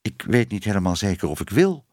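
A man's voice: lowish voice, big pitch swings, a little fast, a little mellow, no echo, clean studio sound. A man voicing a shy, hesitant young woman who used to be a cat. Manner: timid, hesitant.

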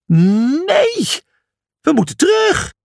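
A man's voice: very high voice, sing-song, unhurried, creaky, a bit bright, breathy edge, no echo, clean studio sound, voice pushed up, heavily acted. A man voicing a reckless, cheerful young male zebra who brags and whoops. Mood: rowdy excited. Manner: wild and boastful, whooping.

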